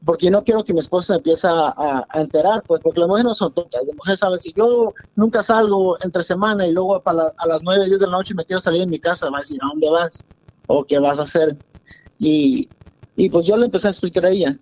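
A man's voice: high-pitched, a little fast, a little mellow. A man calling in to a radio show, telling a long confessional story in a rambling way over a dull phone line. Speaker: caller.

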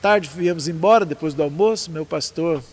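A man's voice: a little high, normal speed, a little mellow. A man with a Brazilian Portuguese accent, casually telling his story as a guest, laughing often and acting out what people said. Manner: laughs often, acts out dialogue.

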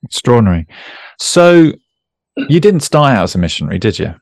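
A man's voice: mid-range voice, very animated, brisk, darkish tone, no room sound. Chatty, joking man hosting. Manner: rambling, jokey and self-deprecating. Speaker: podcast host. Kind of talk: casual conversational interview.

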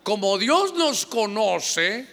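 High, bright pastor preaching. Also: male voice, big pitch swings, extremely slow, creaky. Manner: fervent, rhetorical questions to congregation. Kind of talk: sermon. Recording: echoey church hall reverb.

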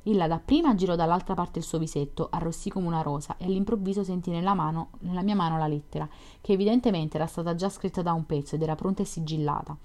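A woman reading a classic novel aloud in a calm, even narrating voice. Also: lowish voice, fast, hardly any pauses. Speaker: reader of a novel. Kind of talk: audiobook reading.

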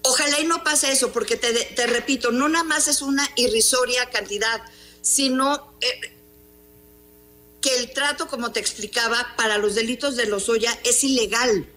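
A woman's voice: fairly high pitch, moderate pace, sharp tone, slight background noise. A woman with a Mexican Spanish accent, a newspaper columnist answering interview questions in an emphatic, combative way, throwing in rhetorical questions.

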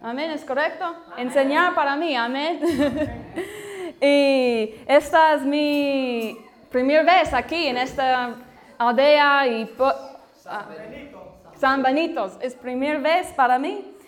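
A woman's voice: sits high, slow. A woman preaches in imperfect, as a visiting missionary, hesitating and repeating phrases as she searches for words. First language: English. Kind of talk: halting church sermon in imperfect Spanish. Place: village church before a congregation. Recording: live church crowd, background noise.

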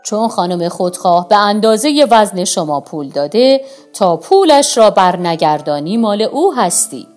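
Brief: bald old judge, storybook, measured ruling tone, woman reading. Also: mid-range voice, sing-song, darkish tone, faint music behind, lightly acted. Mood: stern. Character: bald old male judge, matter-of-fact.

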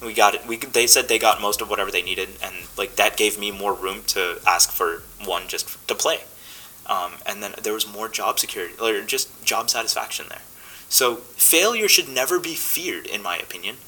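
A young man, an actor, talking casually as a podcast guest, relaxed and chatty with many fillers and restarts. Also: fairly low pitch, normal speed, a little hiss or hum, poor audio.

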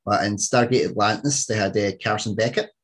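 Scottish guy hosting a podcast, kinda low voice, jokey and chatty, lots of uh and like. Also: steady tone, brisk, slightly rough. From Scotland. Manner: chatty, jokey, laughs often, many fillers. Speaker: podcast host. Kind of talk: casual podcast chat.

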